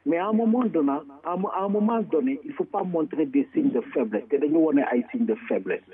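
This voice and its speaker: A man with a Senegalese French accent giving forceful political commentary, switching between Wolof and French and repeating words for emphasis. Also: a little high, fairly quick. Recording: tinny phone-line sound.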